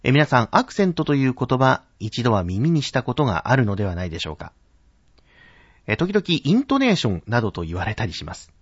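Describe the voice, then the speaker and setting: Male instructor, formal and careful, very animated intonation; dull, dry, lo-fi lesson audio. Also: mid-range voice, husky, no room sound. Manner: formal polite speech, slow careful enunciation of example words. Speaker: announcing instructor. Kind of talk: scripted spoken lesson on pitch accent. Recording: dull, dry narrow-band recording.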